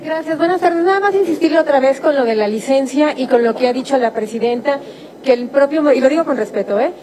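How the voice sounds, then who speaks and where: A woman's voice: high voice, quick pace, warm tone, some chatter behind. A woman, a reporter pressing a senator with insistent questions.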